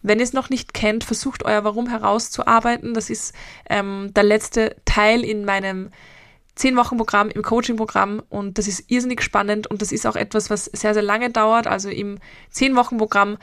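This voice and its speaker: A woman in her late twenties with an Austrian accent speaks in a reflective solo podcast, drifting from thought to thought and pausing to hesitate. Her voice is mid-pitched and the recording is dry and close, with no room sound. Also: fairly even intonation, a bit bright, smooth, no room sound. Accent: Austrian German. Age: 20s. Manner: rambling and personal, with frequent hesitations. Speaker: mental coach and podcast host.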